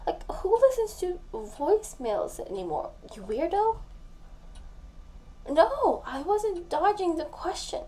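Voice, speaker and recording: Her very high voice swings widely in pitch as a woman, heavily acting, portrays a tipsy, lovesick young woman confessing to her best friend in an intimate audio roleplay. She sounds flustered and defensive, soft, breathy and halting, frequently near a whisper. Faint background noise is audible.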